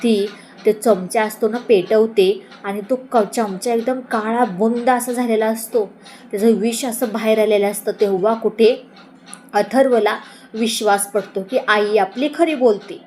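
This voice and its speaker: Female recap narrator, casual storytelling tone, slightly high voice. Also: fairly even intonation, unhurried, a little mellow, slight background noise. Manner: storytelling, slipping into quoted dialogue. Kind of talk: casual episode retelling.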